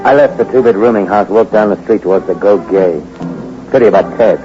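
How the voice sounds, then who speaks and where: In a muffled old radio recording with music, a man narrates and plays the lead in a 1940s noir drama. His fairly low voice is a little fast, hard-boiled, clipped and sardonic.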